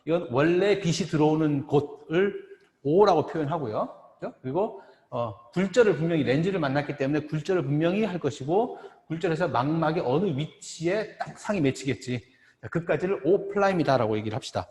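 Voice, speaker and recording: A middle-aged male professor lecturing at a board. He pauses often, repeats phrases and keeps checking that the class is following. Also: on the high side, expressive, darkish tone. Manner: halting, repeats phrases, asks "그죠?" for agreement. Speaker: optometry professor. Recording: echoey classroom with long reverb.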